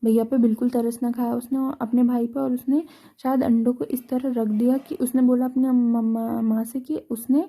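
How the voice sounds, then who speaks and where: A woman's voice: fairly high pitch, level tone, normal speed, mellow. A woman teacher retelling and explaining a school textbook story in Hindi, often restarting and checking in with "ठीक है". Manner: retells each line then explains it, many restarts and "ठीक है".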